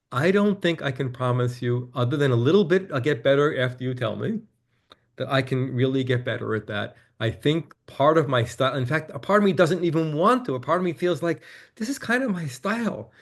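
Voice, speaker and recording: A male interview guest tells a personal story candidly and reflectively, becoming animated whenever he quotes his own conversations. His voice sits at medium pitch with some vocal fry.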